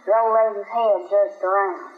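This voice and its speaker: A woman reading a story aloud as narrator, in a steady, unhurried storytelling manner. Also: medium pitch. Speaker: audiobook narrator. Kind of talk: scripted narration. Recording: dull, roomy recording.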